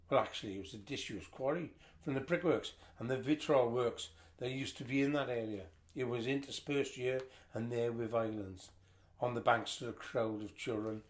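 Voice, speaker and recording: An older man reading a family history aloud, telling the story in a lively storytelling way. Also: mid-range voice.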